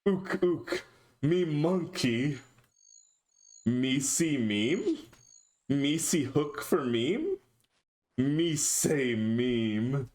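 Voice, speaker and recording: A man putting on a slow-witted monkey man who talks in halting caveman speech. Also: mid-range voice, expressive, a little mellow, pitched above the performer's own voice. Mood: mocking.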